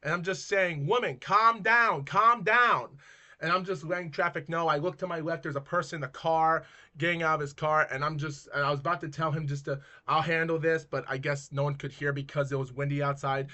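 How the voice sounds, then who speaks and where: Bright-voiced man rambling a story. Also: a little high, little pitch movement, quick pace. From Maine, United States. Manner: rambling, restarts sentences, keeps addressing viewers as guys. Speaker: YouTuber telling a personal story. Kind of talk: casual storytelling vlog.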